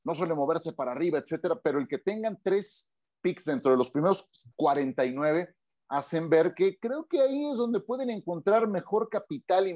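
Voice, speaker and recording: A man's voice: fairly high pitch, darkish tone, no echo. A man hosting a casual sports talk show, chatty and steering the conversation on a close, dry mic. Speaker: podcast host.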